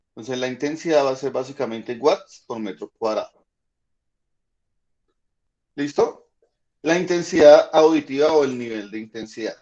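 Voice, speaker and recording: Patient teacher, lo-fi call audio. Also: male voice, mid-range voice, darkish tone. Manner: patient, checks in often with "¿listo?". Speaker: high school physics teacher. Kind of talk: online class lecture.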